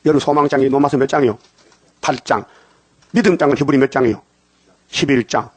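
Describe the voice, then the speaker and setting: A man's voice: medium pitch, quick pace, husky, dry recording. An older man preaching a dawn sermon, firing questions at the congregation and answering them himself. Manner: call-and-response questions to the congregation.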